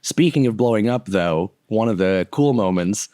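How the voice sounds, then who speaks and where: A young man with a fairly low voice talks loosely through a movie review, rambling and stalling on fillers, cursing and chuckling as he goes. The sound is close and dry, with no room around it. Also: animated, normal speed, dark tone, no echo. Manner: rambling, profane, laughs often. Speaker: podcast co-host. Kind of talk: casual movie review chat.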